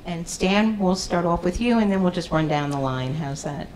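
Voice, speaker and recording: A woman with a lowish voice and a New York accent moderates a debate, friendly and a bit self-deprecating. Faint room noise runs underneath. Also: lively intonation, moderate pace, darkish tone, poor audio.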